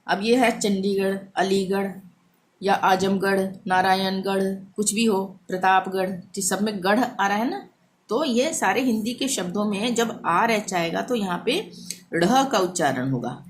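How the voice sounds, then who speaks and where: A woman's voice: mid-range voice, slight background noise. Patient woman teaching pronunciation. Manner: patient, repeats each example slowly. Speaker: language teacher. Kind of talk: explaining pronunciation rules.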